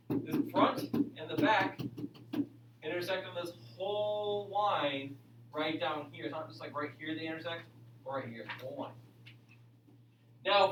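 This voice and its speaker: High-voiced male teacher in an echoey classroom. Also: fairly bright tone. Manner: repetitive step-by-step explaining, frequent okay check-ins. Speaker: school geometry teacher. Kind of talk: classroom lesson to students. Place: indoor school classroom. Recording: echoey classroom, distant mic, faint hum.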